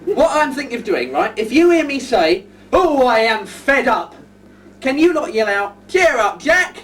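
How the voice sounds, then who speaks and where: A man's voice: extremely high pitch, sing-song, moderate pace. A man playing a lazy, cheeky young shop assistant who jokes and chats with the audience, on an amateur village pantomime stage recorded from far off. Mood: chummy. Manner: cheeky, chatty, joking with the audience. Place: pub skittle alley stage with audience. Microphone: far audience camera. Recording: distant noisy live stage recording.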